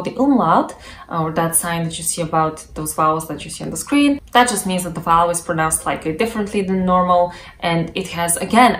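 A woman's voice: lowish voice, reverberant, slight background noise. A woman giving a casual, reassuring explainer about learning a language, chatty with frequent asides. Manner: chatty, reassuring, many "you know" asides.

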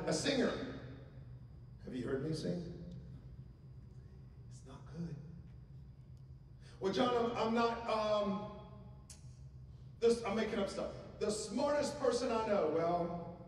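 A man's voice: high-pitched, slow, pauses often, slight background noise. A middle-aged man preaching a sermon at a church pulpit, talking conversationally and asking the congregation questions. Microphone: handheld microphone. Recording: echoey church hall from a distance.

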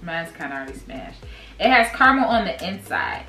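A woman's voice: lowish voice, wildly swooping pitch, a little fast, sharp tone. Chatty woman explaining snacks, echoey room. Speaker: family member tasting snacks. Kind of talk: casual snack-tasting chat. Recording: echoey room with music behind.

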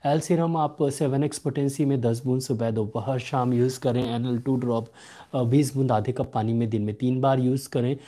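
In a live clinic, a young homeopathic doctor responds to questions from viewers, with a medium-pitched voice that's steady and instructive. He slows down to read the questions aloud. The setting is a small room at home, captured by a desk webcam.

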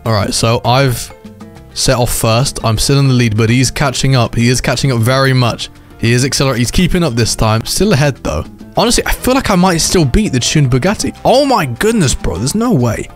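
A young man giving excited, hyped commentary over races in a video game, throwing in "bro" and jumping up to shouts when things happen. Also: mid-range voice, brisk, soft background music. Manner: hyped, says "bro" a lot, jumps into shouts at race finishes. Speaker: gaming YouTuber.

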